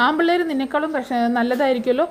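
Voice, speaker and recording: A woman's voice: high voice, fast, lightly acted. A woman voicing a domineering, scolding lady of the house in a serial recap. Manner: bossy, scolding.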